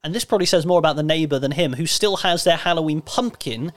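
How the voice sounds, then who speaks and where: Higher-voiced Cornish man, playfully teasing. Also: fast. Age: 30s. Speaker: podcast co-host. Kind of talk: casual chat.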